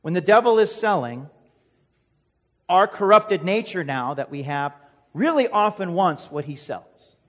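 A man preaches a sermon in an emphatic way, asking rhetorical questions and returning to a refrain. His voice is high for a man. The sound echoes with a long reverb through a dull, lo-fi recording. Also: expressive, a little slow. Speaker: pastor.

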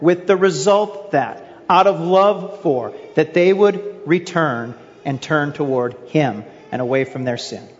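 A man's voice: on the high side, in a large hall, lo-fi sound. A male pastor preaching a sermon in an earnest way, asking his listeners rhetorical questions. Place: church sanctuary.

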